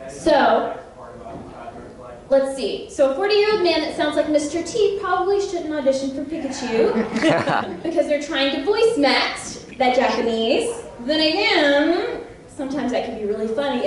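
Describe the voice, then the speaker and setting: Brief: high-voiced woman, lively panel speaker, recorded from afar in a big echoing convention room. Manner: chatty and animated, laughs often, quizzes the audience. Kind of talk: convention panel talk to an audience. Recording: very echoey hall from a distance.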